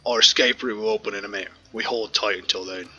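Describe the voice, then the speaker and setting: A man's voice: on the low side, steady tone, quick pace, sharp tone, breathy edge, lo-fi sound, exaggerated voice. A man reading out the lines of a terse, grim male mercenary leader from a video game, in a plain, matter-of-fact way.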